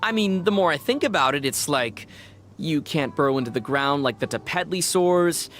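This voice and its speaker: A woman voicing a calm young woman traveler with a dry, gently teasing manner, in video game dialogue. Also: low-pitched, moderate pace. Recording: game audio with faint music.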